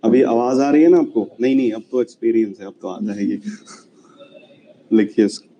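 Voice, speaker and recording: A man's voice: mid-range voice, moderate pace, dull audio, a little hiss or hum. A man lecturing a classroom on history, chatty and often checking whether students follow. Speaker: history teacher.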